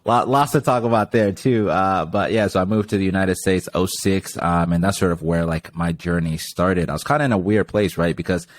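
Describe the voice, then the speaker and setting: A man's voice: sits low, a little fast, few pauses. A young man from Zimbabwe, a podcast guest talking casually with lots of filler words. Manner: relaxed, chatty, lots of "like" fillers. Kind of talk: casual interview chat.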